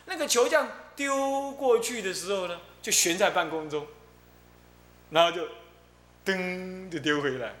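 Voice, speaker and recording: A man's voice: high-pitched, unhurried, a bit bright. A male abbot from Taiwan, telling a story in a Buddhist dharma talk and acting out its characters. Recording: echoey room, faint hum.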